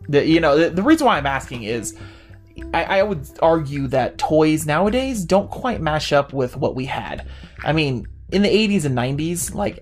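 A man in his thirties chats on a casual podcast, his voice rising and falling with lively energy as he trips over restarts and fillers. Faint music plays under him. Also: mid-range voice. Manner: animated, many restarts and fillers. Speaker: podcast co-host. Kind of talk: casual chat.

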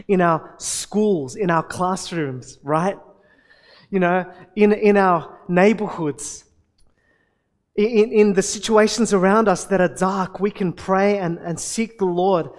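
A middle-aged man preaching a sermon as senior pastor, speaking in an animated, conversational way with a handheld mic at a lectern. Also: sits high. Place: church hall with stage and projection screen. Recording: long hall reverb.

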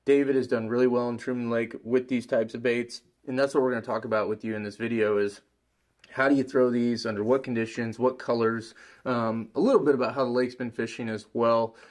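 Relaxed young fishing show host. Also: male voice, mid-range voice, fairly quick. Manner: relaxed, hesitant with fillers, sets up questions. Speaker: interview host. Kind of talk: casual interview. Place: small indoor room at a table.

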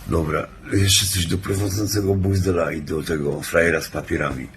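Bardzo niski, upalony męski głos. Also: male voice, low voice, fairly even intonation, moderate pace, a bit bright, a little hiss or hum. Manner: stoned, sluggish rambling. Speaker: vlogger. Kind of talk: casual rambling monologue, heavy swearing.

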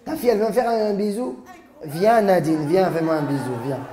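A man's voice: high voice, lively intonation, fairly quick. A male stand-up comedian doing live crowd work, teasing audience members and chuckling through his lines. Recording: roomy live hall with crowd noise.

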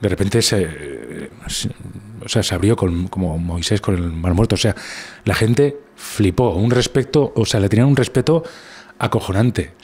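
Spanish male guest, husky and low, rambling storyteller in casual chat. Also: normal speed, darkish tone. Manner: rambling anecdotes with many restarts. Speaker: guest comedian. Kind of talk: casual conversation.

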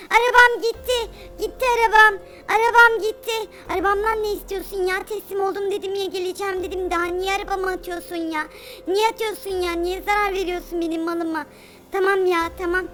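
A brash superhero mom, voiced by a woman for a comic game role-play, with a very high, piercing voice. She throws around rough street slang and fires her words off in quick repeated bursts. Faint music plays underneath. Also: sharp tone.

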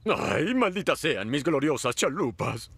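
Bob Patiño, husky swooping Latin American villain. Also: male voice, a little high, big pitch swings, unhurried, a bit bright, heavily acted. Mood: exasperated. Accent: Latin American Spanish. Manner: pompous, grandiloquent. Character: theatrical, vengeful, pompous male cartoon villain.

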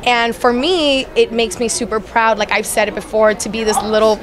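At a busy event venue, a young Miami actress chats casually with an interviewer who holds a handheld mic to her. She's earnest, restarting often and using fillers, in a fairly high voice with a steady tone at normal speed over noisy crowd chatter.

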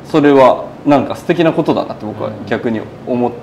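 In a casual interview inside his small burger shop, a thirty-something owner wearing a lapel mic tells his story chattily, stringing together long run-on sentences with quoted speech. He speaks fairly quickly in a mid-range voice. The recording is rough, with slight background noise.

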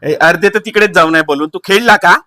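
A man's voice: high-pitched, quick pace, pushed and bright, no echo. A man with a Marathi accent hosting a casual family vlog, chatty, coaxing and playful. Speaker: vlog host.

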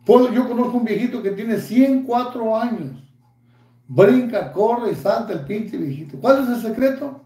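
A man's voice: very high-pitched, animated, measured pace, mellow, echoey room. A Mexican man in his fifties ranting angrily in a vlog, taunting and cursing constantly. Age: 50s. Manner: angry, profane, taunting. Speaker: YouTuber.

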